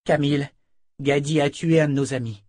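A man voicing a calm young woman inquisitor. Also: a little high, no echo, studio quality, pitched above the performer's own voice, natural voice. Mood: measured. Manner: steady, measured, reassuring. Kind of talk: audiobook character voice.

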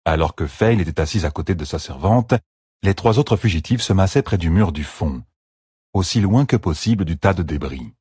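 A man reading a fantasy audiobook in a measured, expressive narration. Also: deep voice, slightly rough, dry recording, studio quality.

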